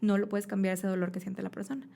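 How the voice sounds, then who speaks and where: Lively Mexican woman with a gravelly voice. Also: mid-range voice, fast talker. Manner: animated storyteller, acts out quoted voices. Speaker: guest. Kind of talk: casual podcast conversation.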